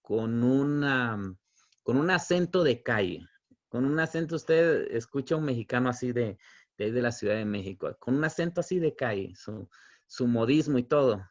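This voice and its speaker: A man preaching a sermon as pastor, telling stories with light humor, slowing for emphasis and then rushing through asides. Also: mid-range voice, lively intonation, lo-fi sound. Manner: storytelling with humor, chuckles between points; swings between emphatic stretched phrases and quick asides.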